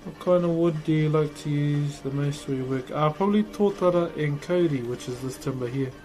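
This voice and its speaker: A man's voice: fairly high pitch, brisk, dark tone, soft background music. A man with a broad New Zealand accent chats casually on a livestream as he works, in a laid-back, slangy, matey way. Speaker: livestream host. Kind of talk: casual livestream chat while working.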